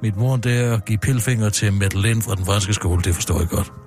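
A man's voice: fairly low pitch, darkish tone, soft background music, voice pushed down, close to an everyday voice. A man voicing a shy, naive thirteen-year-old boy who answers eagerly.

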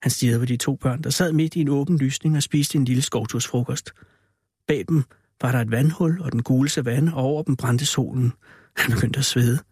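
A man's voice: mid-range voice, a little mellow, husky, no echo, clean studio sound, natural voice. A man voicing a male ape who tells a spooky story with dramatic, theatrical reading.

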